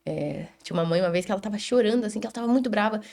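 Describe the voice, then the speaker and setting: A woman's voice: medium pitch, rapid-fire, creaky, a little mellow. A Brazilian woman on a panel, speaking animatedly about children and acting out little dialogues between parents and kids. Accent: Brazilian Portuguese. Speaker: child health specialist on a panel. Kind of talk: casual panel discussion.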